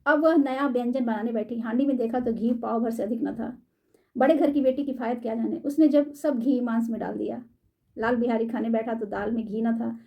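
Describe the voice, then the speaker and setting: A woman storyteller reading a classic short story aloud in a measured, formal way. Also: fairly high pitch, fairly even intonation, gravelly, lo-fi sound.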